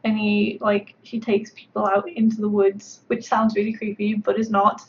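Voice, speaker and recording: A sculptor chats casually on a livestream while she paints, rambling along with plenty of fillers. Her mid-range voice keeps a level tone at a moderate pace. The stream audio is dull and lo-fi, with faint background noise.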